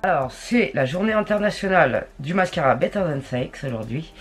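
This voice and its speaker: A woman's voice: deep voice, lively intonation, moderate pace, slightly rough, faint music behind. A woman chatting casually through a makeup tutorial, slangy and talking to herself as she works. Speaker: beauty vlogger.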